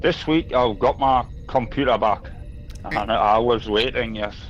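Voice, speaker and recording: A Geordie caller from Newcastle upon Tyne chats casually over his phone, rambling and hesitating with lots of ums. His medium-pitched voice stays steady at a measured pace, faint music sits in the background, and the phone mic sounds dull and muffled.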